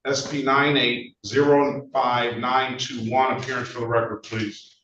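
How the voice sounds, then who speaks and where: Brisk male judge, distant courtroom recording. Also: medium pitch, flat delivery, fairly bright tone. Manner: brisk, procedural, matter-of-fact. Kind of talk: court proceedings, reading cases. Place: courtroom or judge's meeting room. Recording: courtroom recording, roomy, distant, muffled, noisy.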